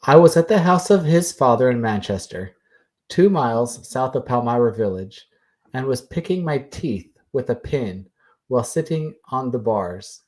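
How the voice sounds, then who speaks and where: A man voicing a 19th-century man who gives a sworn account, read slowly and in a measured way. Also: medium pitch, animated, darkish tone, close to an everyday voice. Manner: slow, measured reading.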